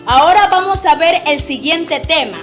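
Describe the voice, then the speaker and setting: Presenter, woman, high voice, crisp scripted links, faint music. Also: expressive, normal speed. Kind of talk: scripted announcement.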